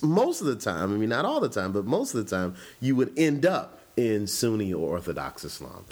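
A man in his forties from Chicago, reflectively telling his life story in an interview. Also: sits low. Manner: reflective, conversational, with frequent restarts.

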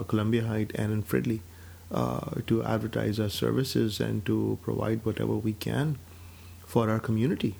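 A man in his forties from Pakistan, a physician and clinic director, talking about his life and work in a measured, steady way with frequent fillers. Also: lowish voice, creaky, slightly rough. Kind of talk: personal account to camera.

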